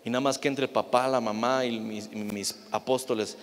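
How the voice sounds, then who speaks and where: A man, a pastor preaching an animated sermon and asking the congregation rhetorical questions. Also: mid-range voice, normal speed. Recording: long reverb of a church hall.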